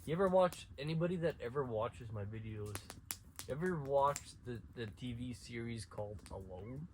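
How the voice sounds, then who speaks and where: A man's voice: medium pitch, moderate pace, a little hiss or hum. A man from central Saskatchewan telling stories to his camera in a casual, rambling way, with restarts and chuckles. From central Saskatchewan, Canada. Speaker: outdoor vlogger. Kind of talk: casual storytelling. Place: outdoors at night at an abandoned school.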